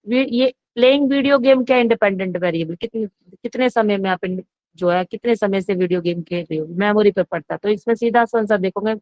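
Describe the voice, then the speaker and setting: A woman teaching in a casual lecture, stopping to correct herself and asking and answering her own questions. Her voice sits at a middle pitch, close to the mic and dry, with a dull lo-fi sound. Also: no room sound. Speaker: psychology teacher. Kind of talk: exam-prep lecture, casual Hindi-English mix.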